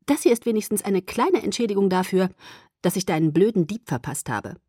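A woman's voice: mid-range voice, expressive, a little fast, warm tone, slightly rough, dry recording. Woman doing a bubbly teasing young vampire girl, airy voice, dry audiobook sound. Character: cheerful, lively young female vampire. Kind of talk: audiobook character voice.

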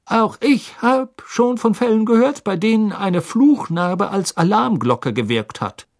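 A man voicing a pompous, stubborn male minister who shouts indignantly. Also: sits high, lively intonation, unhurried, no echo, clean studio sound, pitched above the performer's own voice.

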